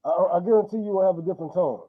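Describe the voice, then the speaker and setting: A man's voice: high-pitched, very fast. A man calling into a live stream, talking heatedly and rambling with many fillers, his voice muffled as if he were talking into a cup. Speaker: caller. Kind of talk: casual live-stream call-in. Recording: muffled phone-like computer mic.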